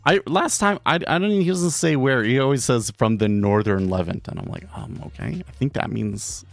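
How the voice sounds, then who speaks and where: A man hosting a live day trading stream from his home office, talking casually and haltingly, often repeating words. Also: mid-range voice, creaky, no room sound. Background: faint background music.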